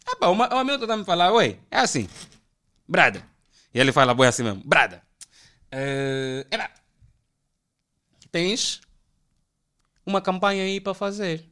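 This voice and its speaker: A young man from Angola with an Angolan Portuguese accent, telling animated, slangy stories as a podcast guest. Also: sits high, moderate pace, long pauses. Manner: animated, slangy, acts out quoted voices. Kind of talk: casual storytelling chat.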